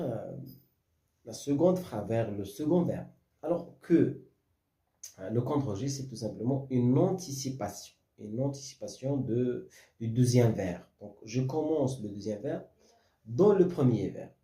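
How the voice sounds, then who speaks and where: A man's voice: on the low side, dark tone, reverberant. A man teaching French verse, explaining step by step with many fillers and restarts, often checking whether the class follows.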